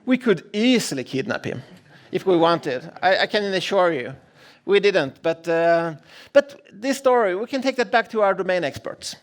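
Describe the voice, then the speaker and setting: A man's voice: high-pitched, animated, moderate pace. Man giving a humorous keynote. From Sweden. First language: Swedish. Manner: humorous, self-deprecating, with many restarts and fillers. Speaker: keynote speaker. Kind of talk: conference keynote storytelling. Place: large conference room.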